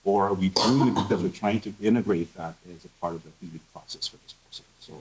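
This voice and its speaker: A man's voice: sits low, quick pace, darkish tone, poor audio. A man speaking candidly on a conference panel, earnest and full of fillers. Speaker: panelist, behavioral health professional. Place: conference room.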